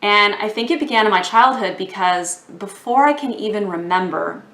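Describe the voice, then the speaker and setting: A woman from Texas talking casually to camera in a vlog, a little hoarse from losing her voice, chatty with fillers. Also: medium pitch, moderate pace, fairly bright tone. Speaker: yoga vlogger. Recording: echoey room.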